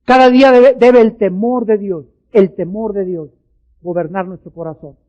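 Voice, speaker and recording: A woman's voice: medium pitch, steady tone, moderate pace. Woman preacher, emphatic sermon delivery, repeats key words, dull archive recording.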